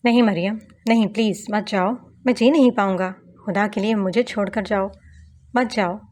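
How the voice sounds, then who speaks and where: A woman's voice: medium pitch, steady tone, normal speed, darkish tone, a little hiss or hum, natural voice. A woman reading an audiobook novel, voicing a broken, desperate young man who pleads in anguished outbursts.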